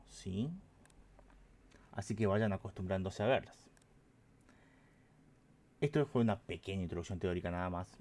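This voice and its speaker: A man's voice: low voice, darkish tone. A man teaching an online math lesson, patient and explanatory, often checking in with his students.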